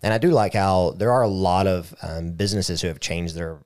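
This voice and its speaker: A man with a very low voice hosting a podcast in a casual, conversational way. He keeps checking in with his listeners as he talks. The recording is dry and close. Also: fairly even intonation, a little fast, a little mellow, dry recording. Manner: conversational, tag questions and fillers. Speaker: podcast host.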